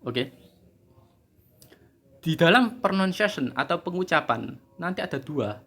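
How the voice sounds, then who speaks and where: A man's voice: on the high side, expressive, unhurried, a bit bright. A man, teaching a casual English lesson, chatty and joking at his own expense. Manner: chatty, joking, laughs at himself.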